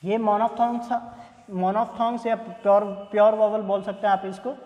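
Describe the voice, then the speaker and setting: A man teaching English pronunciation in a classroom-style lesson, speaking deliberately and repeating example words so they can be drilled. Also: sits high, fairly even intonation, highs cut off. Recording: echoey room with long reverb.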